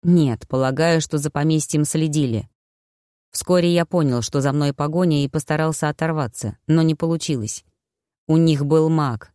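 A woman reading an audiobook, voicing an injured young nobleman, the narrator's brother, in a soft, subdued, tired way. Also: fairly high pitch, normal speed, smooth, no echo, studio quality, lightly acted. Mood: weary, subdued.

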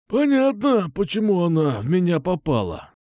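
A man doing a shouty rough crook. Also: high voice, wildly swooping pitch, normal speed, no echo, studio quality, pitched above the performer's own voice. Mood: excited. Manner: loud, exclaiming, sneering. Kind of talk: audiobook narration.

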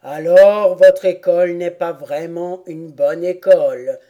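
A woman voicing a sad, sobbing female mock turtle with a calf's head in a storybook reading, slow, loud and lamenting. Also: lowish voice, steady tone, lo-fi sound. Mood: mournful. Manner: slow, mournful and loud, turning indignant.

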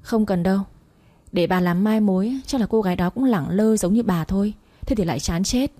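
A woman voicing a wealthy young man who speaks calmly and patiently, coaxing his girlfriend. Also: medium pitch, fairly quick, close to an everyday voice. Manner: calm, coaxing.

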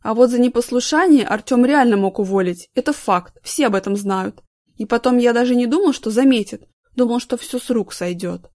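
A woman's voice: fairly high pitch, normal speed, natural voice. Woman voicing a cocky, defiant young man. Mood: cool defiant. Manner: unruffled, then shouting back.

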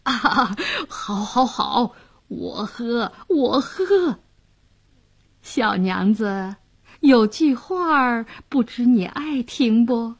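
A woman's voice: a little high, animated, drawn-out words, husky, voice pushed up, heavily acted. A woman voicing a lecherous, drunken male official who is boastful and leering.

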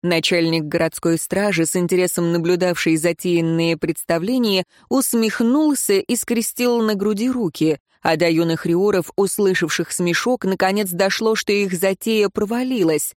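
A man's voice: high voice, moderate pace, few pauses, no room sound, studio quality. Man narrating an audiobook. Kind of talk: scripted narration.

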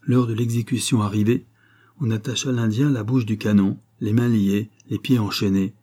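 A man narrating a classic novel in a measured audiobook reading. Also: on the low side, fairly even intonation, mellow, slightly rough.

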